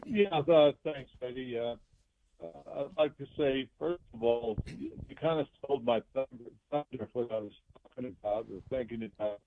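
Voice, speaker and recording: A man's voice: mid-range voice, animated, normal speed, gravelly. An older man calling in as a radio show guest, talking hesitantly with lots of fillers while his phone connection keeps breaking up and cutting out. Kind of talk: casual radio chat. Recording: tinny phone line, dry.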